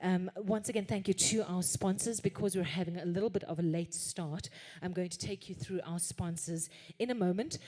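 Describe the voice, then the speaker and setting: Woman emceeing a conference, lowish mellow voice, chatty n upbeat with the crowd. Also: fairly even intonation, normal speed, hardly any pauses. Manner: upbeat, teasing with the audience. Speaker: conference host. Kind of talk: live event hosting. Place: conference hall.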